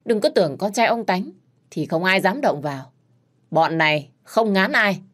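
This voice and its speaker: A woman's voice: medium pitch, lively intonation, moderate pace, fairly bright tone, pitched above the performer's own voice. A woman voicing a menacing young male thug collecting a debt, blunt and threatening, in a storybook reading.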